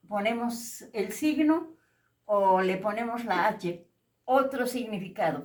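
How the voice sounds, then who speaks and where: A woman teaching a language lesson, pronouncing each word slowly and repeating it for learners. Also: medium pitch, far from the mic. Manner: slow, deliberate pronunciation with drills. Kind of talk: slow spoken language lesson with repeated words.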